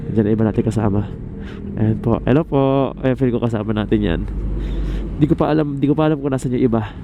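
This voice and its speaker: A man hosting a casual motorcycle vlog, chatting to his viewers with a hoarse voice he says he has lost. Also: medium pitch, fast talker, phone-quality sound. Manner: chatty, addresses viewers as guys. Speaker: motovlogger. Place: outdoors at a roadside meetup. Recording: road and traffic noise.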